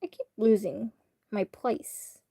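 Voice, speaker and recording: A woman's voice: medium pitch, slow, gravelly, warm tone, husky, no echo, clean studio sound. A woman streamer chatting casually to her viewers during a reaction stream, rambling and hesitant with lots of fillers. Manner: talks to chat directly. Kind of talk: casual livestream reaction chat.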